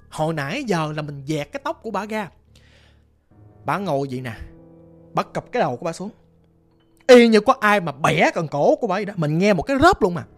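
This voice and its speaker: Dramatic Southern Vietnamese ghost-story teller. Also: medium pitch.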